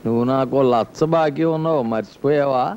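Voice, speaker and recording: An older actor playing a stubborn, money-grabbing father-in-law, talking in a gruff, demanding way. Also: medium pitch, brisk, highs cut off, background noise, close to an everyday voice. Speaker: bride's father. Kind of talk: film comedy acting.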